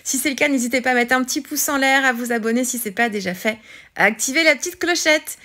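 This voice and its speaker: A woman's voice: high voice, fast, pushed and bright. A woman chatting through a scrapbooking tutorial voice-over, hesitant with many fillers and restarts. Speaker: scrapbooking vlogger. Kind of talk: casual craft tutorial voice-over.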